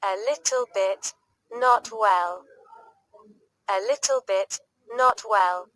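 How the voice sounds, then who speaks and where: A woman reading short everyday English sentences for beginners, saying each one twice, clearly and deliberately. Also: medium pitch, fairly bright tone, no room sound. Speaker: English teacher. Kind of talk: slow repeated phrase drills for learners.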